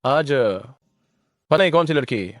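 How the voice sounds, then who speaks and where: A man's voice: medium pitch, lively intonation, slow pace, slight background noise. An actor playing a chatty, loyal male assistant in a Hindi drama dub.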